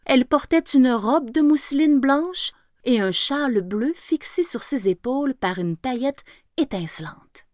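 Expressive woman reading a storybook. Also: high-pitched, dry recording, studio quality. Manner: expressive, slowing and whispering for effect. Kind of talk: storybook read-aloud.

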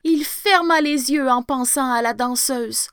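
A woman's voice: high-pitched, clean tone. A woman reading a fairy tale aloud expressively, sometimes dropping to a whisper. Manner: expressive, slowing and whispering for effect. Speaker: storyteller. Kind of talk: storybook read-aloud.

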